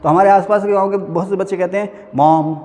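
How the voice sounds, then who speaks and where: A man's voice: high-pitched, fairly even intonation, fast, dark tone, big-room sound. A man teaching a class in a chatty lecture style, calling his students "beta" and checking in with "hai na" asides. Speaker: civil services teacher.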